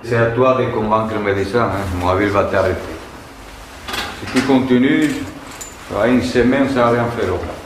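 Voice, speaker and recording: Brief: male army instructor, forties, Spanish accent, stern drill-sergeant goading, noisy outdoor field recording with vehicle rumble. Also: moderate pace. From Spain. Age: 40s. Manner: stern drill-sergeant, goading with curt questions and blunt orders. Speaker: Foreign Legion chief warrant officer, instructor. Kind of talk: military instruction to trainees. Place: outdoors on a training course.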